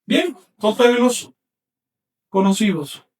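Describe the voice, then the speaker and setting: A man teaching an online class, slowly sounding out words syllable by syllable and correcting common mistakes firmly. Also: high voice, big pitch swings, far from the mic. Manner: slow, emphatic spelling out of syllables; corrective, insistent.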